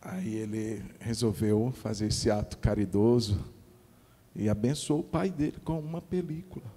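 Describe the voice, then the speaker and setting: A man preaching a sermon as pastor, emphatic, asking rhetorical questions and swinging between hushed and loud delivery. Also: on the low side, moderate pace. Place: church hall. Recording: long reverb of a church hall.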